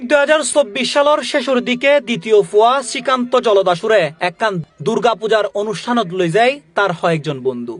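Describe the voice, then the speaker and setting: High-voiced male news narrator, Chittagong accent. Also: fairly bright tone. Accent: Chittagong, Bangladesh. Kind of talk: scripted narration.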